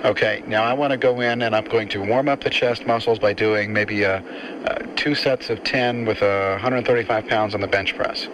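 A man with a somewhat low voice asks questions casually, with pauses and fillers. He is heard on an old cassette interview tape with a clear steady hiss. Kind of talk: recorded audio interview.

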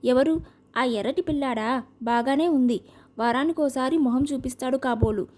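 A fretful, fond old grandmother in an audio novel, voiced by a woman reader. She coaxes and chides in turn. The tone is high but mellow and dark. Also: normal speed, close to an everyday voice. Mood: fond, chiding.

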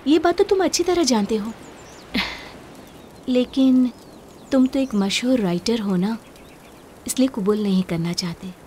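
A woman's voice: a little high, a little slow, long pauses, warm tone, slight background noise, natural voice. An actress dubbing a playful, impulsive young woman in a romantic film, coaxing and apologetic. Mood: earnest. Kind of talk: Hindi film dub.

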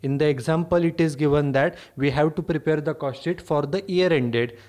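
A man lecturing on accounting with a Marathi accent, explaining each step slowly and repeating points in English and Marathi. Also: fairly high pitch, darkish tone. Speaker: commerce lecturer. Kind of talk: recorded lecture.

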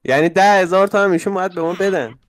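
A player acting as a lawyer and witness in a game role-play, talking quickly and persuasively. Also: medium pitch. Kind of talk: casual gaming chat.

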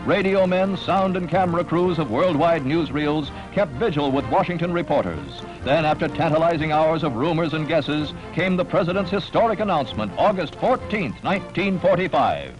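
A man's voice: fairly high pitch, expressive, normal speed, few pauses, music in the background, rough recording. A man narrating in the dramatic, punchy announcer style of a 1940s old newsreel.

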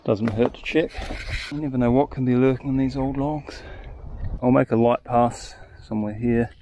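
A man casually explaining his work at an outdoor sawmill yard, recorded on a head-mounted camera, relaxed and thinking aloud. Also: mid-range voice, moderate pace, dull audio, background noise. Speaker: sawmill operator. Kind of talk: casual first-person narration. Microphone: head-mounted action camera.

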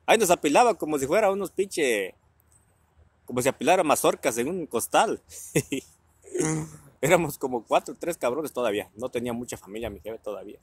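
A man's voice: mid-range voice, animated, brisk, long pauses, slightly rough, dry recording. A man from Guerrero with a Mexican Spanish accent, telling family anecdotes in a casual way with crude slang and frequent laughs. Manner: laughing often, crude slang, acts out voices. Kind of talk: casual storytelling.

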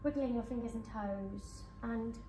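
A woman hypnotherapist leading a guided hypnosis session for a live audience in a conference room, speaking in slow soothing suggestions. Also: a little high, noisy background. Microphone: far camera. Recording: echoey room from far off.

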